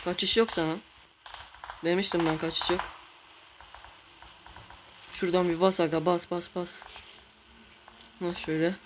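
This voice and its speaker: Excitable man narrating his own gameplay. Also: sits high, a little slow, pauses often, a little hiss or hum. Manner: excitable, cursing, talking to viewers while playing. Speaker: gamer. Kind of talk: casual gameplay commentary.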